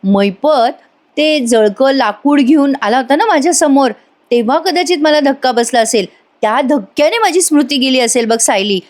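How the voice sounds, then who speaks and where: A gentle older aunt from a TV serial speaks in a soft, musing way, as a woman recaps the scene. The voice sits a little high, close to the reader's own. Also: expressive, normal speed.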